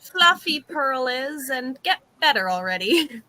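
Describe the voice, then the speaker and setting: A woman's voice: sits high, very animated, crowd noise. A woman playing a tabletop game, joking and teasing the table. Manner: joking, quick-witted. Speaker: player. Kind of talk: casual tabletop play.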